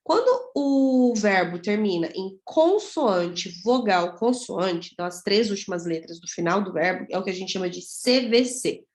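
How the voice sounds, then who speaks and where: A woman's voice: mid-range voice, expressive, a little slow, hardly any pauses. A woman from Brazil teaching an English grammar lesson in a chatty way, often checking in with her students. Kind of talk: casual video lesson. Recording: echoey room.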